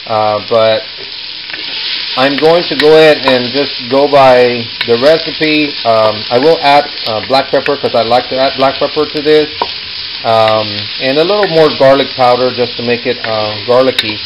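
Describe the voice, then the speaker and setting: A man hosting a casual home cooking demonstration, talking in unhurried short phrases with pauses. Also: mid-range voice. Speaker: home cooking show host. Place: home kitchen. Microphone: handheld camera mic, off screen. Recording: clear background noise, sizzling pan.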